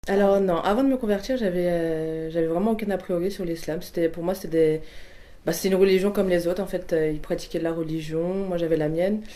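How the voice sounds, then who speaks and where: A woman in her twenties from a Portuguese family background answers questions in a personal testimony, hesitant and full of fillers and restarts. Her voice is on the low side, quick-paced, and dark in tone.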